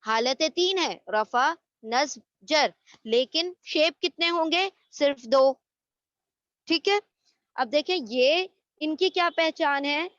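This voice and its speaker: A woman's voice: high voice, fairly bright tone, dry recording, dull audio. A woman teaching an online Arabic grammar lesson, explaining patiently and repeating each term, with English words mixed into her speech.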